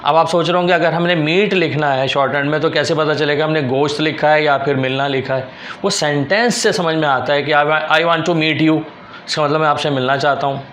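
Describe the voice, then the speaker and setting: A man's voice: a little high, fairly even intonation, brisk, a bit bright, slight background noise. A man from Pakistan with a Karachi Urdu accent, teaching a shorthand lesson, patiently repeating words and spelling them out letter by letter. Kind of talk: classroom-style lesson.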